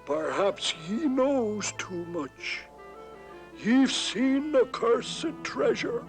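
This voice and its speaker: An eerie pirate, menaces in a strikingly high voice, dragging out each phrase. He sounds cold and foreboding, a ride character with music underneath. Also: very animated, exaggerated voice. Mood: menacing. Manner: drawn-out, foreboding, archaic pirate talk. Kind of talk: theme park ride character acting.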